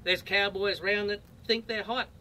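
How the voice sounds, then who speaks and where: A man's voice: high voice, steady tone, moderate pace, bright, forceful tone, recorded from a distance, a little hiss or hum, low-quality recording. A man with an Australian accent reciting a comic bush poem with a rollicking rhyming delivery. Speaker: bush poet.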